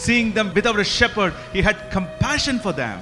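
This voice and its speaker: A man interpreting a sermon phrase by phrase, deliberate and echoing the preacher's fervor. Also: high voice, expressive, bright, forceful tone. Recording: hall reverb with faint music behind.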